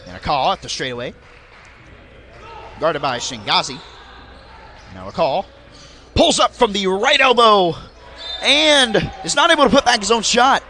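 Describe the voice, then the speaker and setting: A young man calling basketball play by play in a rapid, auctioneer-like patter that rises on big plays. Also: high voice, sing-song, pushed and bright, a little hiss or hum. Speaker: play-by-play commentator.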